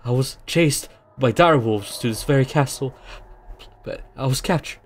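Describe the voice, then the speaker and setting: A man's voice: medium pitch, normal speed, pitched above the performer's own voice, lightly acted. A man voicing a strong young prisoner in a tabletop game, stammering, pleading and urgent.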